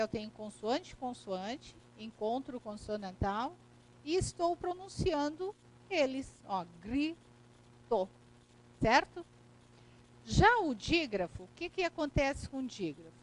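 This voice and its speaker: A woman's voice: sits high, sing-song, unhurried, slight background noise, poor audio. A woman with a Brazilian Portuguese accent teaching a recorded grammar lesson, explaining step by step and checking in with "né?" and "correto?".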